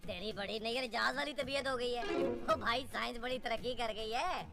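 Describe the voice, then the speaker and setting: An actor playing a cheeky friend, breezy and jokey. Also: male voice, very high voice, fairly even intonation, normal speed, vocal fry, loud music behind the voice. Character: cheeky, joking friend who mocks baldness.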